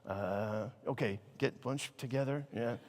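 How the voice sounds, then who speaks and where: A man from Chicago, giving a comedic keynote speech to a conference audience, with animated, mock-outraged punchlines. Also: medium pitch, unhurried. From Chicago, United States. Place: large conference hall. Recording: long hall reverb.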